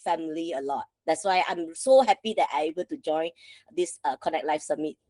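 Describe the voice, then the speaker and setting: A woman guest on a casual livestream interview, talking in a lively way and laughing between points. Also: low voice, brisk, no echo. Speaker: guest local guide.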